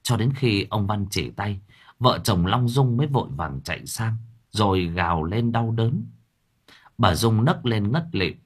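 Husky-voiced man narrating a horror story. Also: on the low side, very animated, measured pace. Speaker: audiobook narrator.

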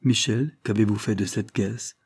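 A man voicing an indignant, demanding foreign gentleman, speaking insistently in a raised voice. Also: fairly low pitch, steady tone, normal speed, gravelly, breathy edge, dry recording, studio quality. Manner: insistent, exclamatory.

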